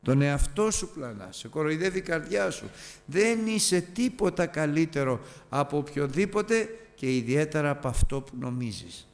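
A man preaching a Bible study sermon, emphatic and repetitive, now and then dropping to near-quiet asides. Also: on the high side, lively intonation, gravelly, long reverb tail. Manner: emphatic, repeating key phrases with sudden drops to near-quiet asides.

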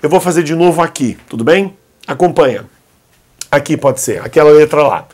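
A man teaching the alphabet at a whiteboard, whose first language is Arabic. He talks patiently and coaxingly, and says each letter's sound slowly so the learner can repeat it. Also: fairly high pitch, lively intonation, darkish tone. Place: indoor classroom at a whiteboard.

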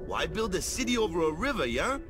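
A man's voice: sits high, very animated, fast talker. An actor playing a cheerful young male island athlete who tags "yeah?" onto his sentences, with game music behind. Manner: easygoing, ends sentences with "yeah?".

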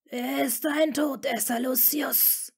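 A woman voicing a cold, menacing male dark lord in a hissing, icy whisper, as whispered role-play in a fan-fiction reading. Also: high voice, fairly even intonation, takes it slowly, husky, voice pushed up, exaggerated voice.

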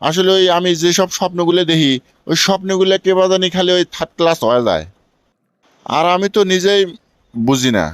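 A man's voice: sits high, brisk, smooth, dry recording, lightly acted. A man playing a foolish, boastful, lovestruck young villager in a comic cartoon, emphatic and colloquial, with a Bangladeshi regional accent. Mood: defensive. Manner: emphatic, keeps checking he is understood.

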